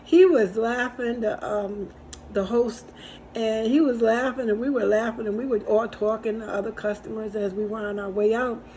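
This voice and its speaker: Warm-voiced middle-aged woman giving encouragement. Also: fairly high pitch, steady tone, normal speed, slight background noise, rough recording. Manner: conversational and repetitive, with storytelling asides. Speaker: host and encourager. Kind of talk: casual faith-based encouragement talk.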